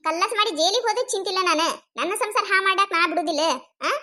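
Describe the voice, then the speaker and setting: A woman with a North Karnataka Kannada accent voicing a loud, quarrelsome village wife in a cartoon comedy, scolding, mocking and wailing. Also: extremely high pitch, quick pace.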